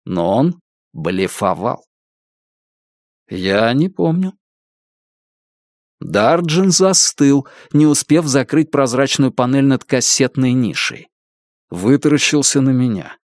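A man reading an audiobook in measured, expressive scripted narration. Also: mid-range voice, no room sound, clean studio sound.

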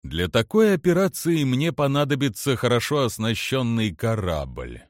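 A man reading the lines of a calm, analytical alien male commander in an audiobook, measured and precise. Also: mid-range voice, no echo, studio quality, natural voice. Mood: calm, composed.

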